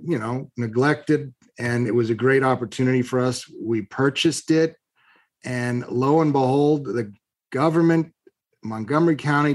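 A middle-aged man in an interview, telling blunt, animated stories and acting out both sides of an argument. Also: mid-range voice. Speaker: guest, real estate investor. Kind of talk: conversational interview storytelling.

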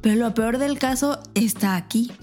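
A woman's voice: fairly high pitch, moderate pace, faint music behind. A woman with a Mexican accent, casually telling an anecdote on a podcast and acting out the voices in it. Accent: Mexican Spanish. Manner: animated, acts out voices in her anecdote. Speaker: podcast co-host. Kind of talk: casual storytelling chat.

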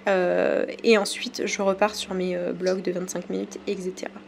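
A French woman hosting her own podcast, talking casually with many pauses and fillers. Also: fairly low pitch, flat delivery, creaky, noisy background. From France. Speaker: podcast host. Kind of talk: casual solo podcast talk.

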